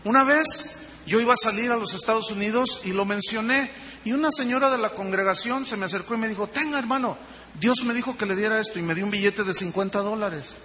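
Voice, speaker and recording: Animated pastor preaching in a hall. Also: male voice, high-pitched, a little fast. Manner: animated storytelling, acting out dialogue. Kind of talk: sermon. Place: church hall. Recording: reverberant hall with faint noise.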